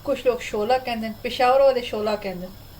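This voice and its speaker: A woman's voice: a little high, a little fast, rough recording. Chatty woman cooking. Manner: chatty, homely, relaxed explaining. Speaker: cooking channel host. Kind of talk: home cooking tutorial narration. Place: home kitchen. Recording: clear frying and stirring noise. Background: sizzling pan and stirring.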